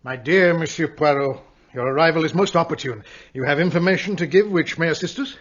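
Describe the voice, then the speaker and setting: A man's voice: on the high side, a little fast, slightly rough. A man playing a courteous, official police inspector in a radio drama. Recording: dull studio audio play.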